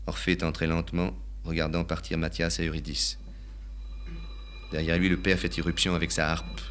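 A man reading stage directions in a dramatic play reading, in a measured way. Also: deep voice, completely flat delivery, a bit bright, slight background noise. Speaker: reader.

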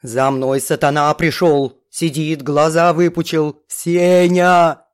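A woman's voice: sits low, steady tone, takes it slowly, smooth. A woman reading an audiobook, voicing a terrified, drunken village woman who shrieks. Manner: shrieking, wild, coarse.

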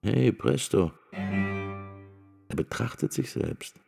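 A man reciting reflective lines in a radio drama, in a slow, meditative way. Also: mid-range voice, animated, gravelly, music in the background, exaggerated voice. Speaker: narrating voice.

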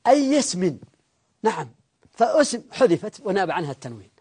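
A man leads a live grammar lesson in a classroom. His voice sits high for a man, and he works through each point step by step, stopping to quiz the students. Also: very animated, a little fast, warm tone, slightly rough. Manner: explains step by step, questions students. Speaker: Arabic grammar teacher.

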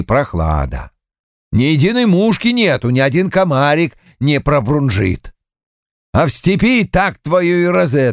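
A man's voice: mid-range voice, dry recording, studio quality, pitched above the performer's own voice. A man voicing a crafty, weathered Cossack farmer who spins boastful, mock-aggrieved tales.

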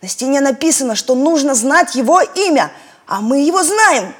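A woman's voice: expressive, moderate pace. Woman doing an eager young girl. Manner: eager and high. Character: lively, determined young girl.

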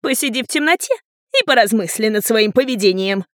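Female reader doing a high, scolding, preachy mom, audiobook. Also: expressive, brisk, a bit bright, dry recording, clean studio sound. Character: shocked, scolding mother, middle-aged woman.

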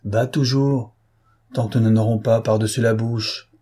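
A man's voice: medium pitch, fairly even intonation, normal speed, warm tone, husky, natural voice. A man voicing a determined police chief who gives urgent, commanding orders in an audiobook. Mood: urging. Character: determined middle-aged male police chief.

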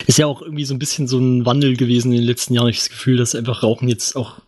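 Husky co-host man with short prompts. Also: mid-range voice, little pitch movement, very fast, darkish tone, dry recording, studio quality. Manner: brief, agreeable prompts. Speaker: co-host reading viewer questions. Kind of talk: casual chat.

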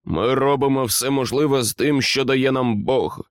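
A man's voice: medium pitch, moderate pace, clear, resonant tone, voice pushed up, lightly acted. A man playing a stern, menacing general. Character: stern middle-aged male general, coldly menacing.

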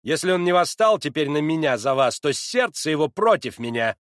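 Brief: a haughty old-world prince, read by a man, lowered voice, measured and condescending, dry sound. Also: big pitch swings, fairly bright tone, dry recording. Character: cold, self-righteous older aristocrat, a prince. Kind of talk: audiobook reading.

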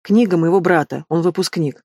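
A woman's voice: fairly low pitch, fairly quick, a little mellow, dry recording, clean studio sound. A woman voicing a nervous young male student who speaks hesitantly and anxiously.

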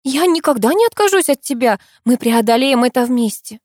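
A woman reading an audiobook, voicing a sweetly scheming young woman who speaks in a bright, coaxing, sugary way. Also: high voice, animated, moderate pace, no room sound, clean studio sound, voice pushed up.

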